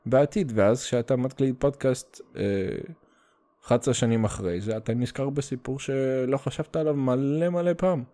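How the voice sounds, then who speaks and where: This podcast host is a man from the Soviet Union who speaks with a Russian accent and a mellow, medium-pitched voice. Alone on a casual show, he rambles in a blunt, sweary, stop-start way, mixing in English slang.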